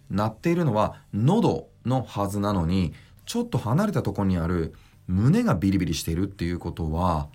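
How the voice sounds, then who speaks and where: A male voice coach explains vocal resonance on his podcast, keeping his voice low and consciously chest-resonant. His delivery rises and falls expressively as he teaches and demonstrates sounds for listeners. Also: darkish tone. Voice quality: deliberately deep chest resonance. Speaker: voice trainer. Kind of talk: podcast voice lesson.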